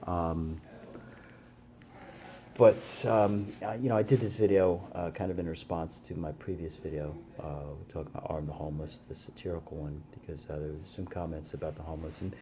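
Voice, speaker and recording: A man's voice: very deep voice, normal speed, a little hiss or hum. A man, a busking musician, telling stories casually to camera in a rambling way with many fillers. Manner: rambling, many fillers, animated when retelling.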